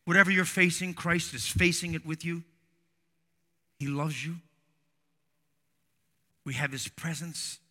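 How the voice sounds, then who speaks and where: A man's voice: fairly high pitch, measured pace, pauses often, pushed and bright. A man preaching an earnest sermon that builds to fervent emphasis. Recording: long hall reverb.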